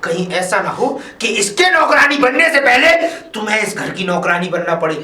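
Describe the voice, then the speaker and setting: A man's voice: sits high, lively intonation, normal speed, sharp tone, exaggerated voice. An actor playing a stern father-in-law who rules the house, scolding and commanding. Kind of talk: low-budget Hindi drama acting. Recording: echoey room.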